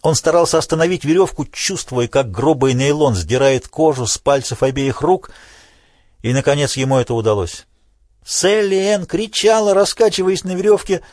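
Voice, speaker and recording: A man narrating an audiobook with a steady, dramatic reading. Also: a little high, moderate pace, dry recording, clean studio sound.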